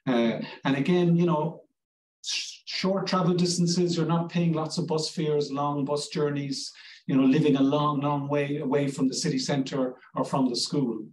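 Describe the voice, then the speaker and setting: A Cork-accented Irish man talks up his language school in a chatty, reassuring way, often restarting his sentences. His voice sits slightly high. He sounds set back from the mic in a roomy, echoing space. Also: steady tone, unhurried, a little mellow, recorded from a distance. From Ireland, Cork. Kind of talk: promotional interview answers.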